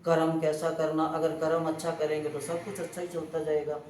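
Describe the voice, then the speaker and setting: A man giving an animated devotional talk at a festival gathering, telling stories and acting out the voices in them. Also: fairly high pitch, normal speed, roomy sound, recorded from a distance, a little hiss or hum. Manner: animated storytelling with quoted voices. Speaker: devotional speaker.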